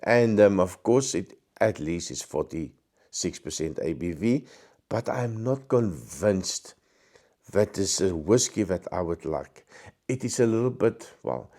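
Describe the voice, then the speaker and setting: A man with a croaky, hoarse voice giving a casual, thoughtful whisky tasting review to camera, pausing often with ums and small self-corrections. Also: deep voice, expressive, mellow.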